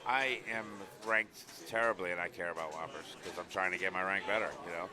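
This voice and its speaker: Over music and a noisy crowd in a tournament hall, a middle-aged Long Islander hosts a live stream, reading chat and ads in an upbeat, talkative way. His voice is low and he talks a little fast.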